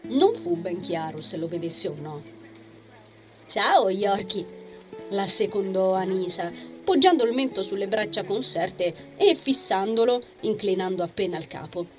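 A woman narrates an audiobook at a measured, expressive pace. Her voice sits in a middle range. Faint music plays behind her. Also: medium pitch.

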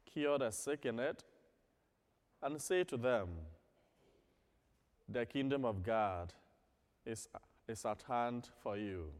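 Man, priest, measured Gospel reading, resonant, cathedral echo, long church reverb. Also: medium pitch, lively intonation. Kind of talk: proclaiming the Gospel and preaching at Mass. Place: large church during Mass.

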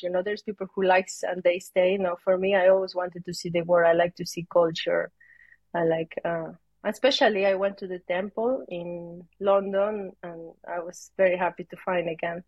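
A Peruvian woman, a yoga teacher, chats casually as an interview guest in English with a Peruvian Spanish accent, hesitating and searching for words. Her voice is lowish, and the dry recording has its highs cut off.

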